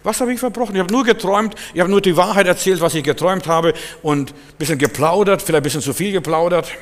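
A man's voice: quick pace, natural voice. Joseph, a plaintive young man, as a preacher puts him on. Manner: complaining, high and pleading. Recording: long hall reverb.

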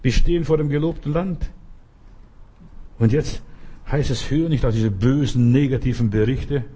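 A man preaching a sermon to his congregation, urging them on with emphatic, exhorting delivery and sudden leaps in pitch. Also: moderate pace, dark tone, slightly rough.

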